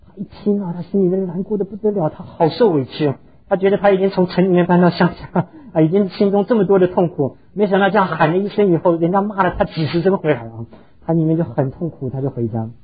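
A man's voice: sits high, fast, lo-fi sound, slight background noise. A pastor preaching a sermon, earnestly telling stories and slipping English words into his talk. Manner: earnest, heartfelt storytelling.

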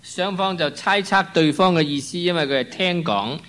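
A man with a slightly raised pitch interpreting a sermon line by line. He follows the preacher closely and sometimes restarts a phrase. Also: normal speed, a bit bright. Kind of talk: consecutive sermon interpretation into Cantonese.

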